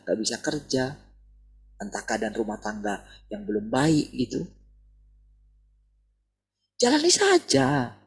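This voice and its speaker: A man delivers a sermon as relaxed, direct talk with his listeners. His voice is gravelly and a little husky. His pitch rises and falls in lively swings. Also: poor audio. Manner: conversational preaching, addresses listeners as saudara. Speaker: preacher.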